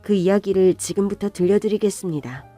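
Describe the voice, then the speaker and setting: A woman narrating a first-person life story in a calm, subdued way. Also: medium pitch, a little fast, faint music behind.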